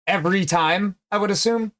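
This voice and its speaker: A man's voice: high voice, normal speed, fairly bright tone. A man hosting a livestream, chatting casually and teasing his guest bluntly with lots of swearing. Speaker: livestream host. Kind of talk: casual stream chat.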